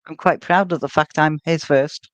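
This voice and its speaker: A man's voice: fairly high pitch, steady tone, moderate pace, a bit bright, no room sound, highs cut off. British man, wry humour, close dry sound, casual chat. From Britain. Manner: dry, joking asides.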